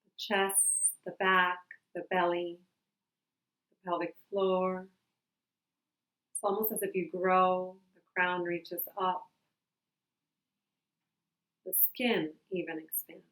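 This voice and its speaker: A woman leading a calm grounding exercise as a meditation guide, speaking gently and unhurriedly with long pauses. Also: lowish voice. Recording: roomy, echoing sound.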